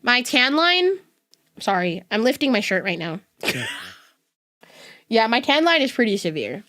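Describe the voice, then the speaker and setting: With a sharp, sing-song voice on the high side, a young VTuber talks to her chat at a measured pace. She's from the United States West Coast, has a neutral accent, and laughs often as she chats casually.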